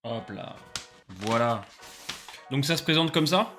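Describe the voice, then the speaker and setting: A man's voice: mid-range voice, animated, slow, a bit bright, faint music behind. A young man hosting a casual food review vlog, enthusiastic and full of hesitant fillers. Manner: enthusiastic, many filler "euh"s. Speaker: food vlogger.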